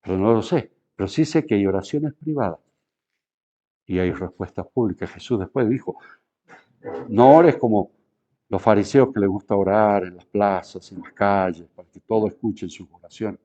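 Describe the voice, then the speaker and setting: Middle-aged male pastor, lively sermon delivery, warm mellow voice, slightly muffled recording. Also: fairly low pitch, moderate pace. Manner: animated preaching that shifts between hushed and raised.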